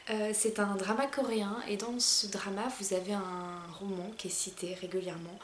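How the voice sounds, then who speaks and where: A French woman with a low, soft voice, chatting casually about her monthly reading list, hesitant, with many fillers and restarts. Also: little pitch movement, moderate pace, echoey room, a little hiss or hum. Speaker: book vlogger.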